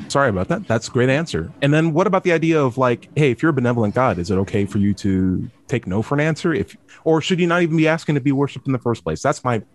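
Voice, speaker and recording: A man's voice: medium pitch, animated, fast talker, hardly any pauses. Playful man asking probing questions. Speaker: host. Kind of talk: casual discussion.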